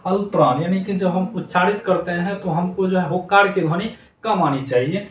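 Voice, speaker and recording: Male grammar teacher, high voice, drills terms by repetition; distant mic, echoey room, faint background noise. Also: normal speed. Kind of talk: classroom lesson to children. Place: noisy room.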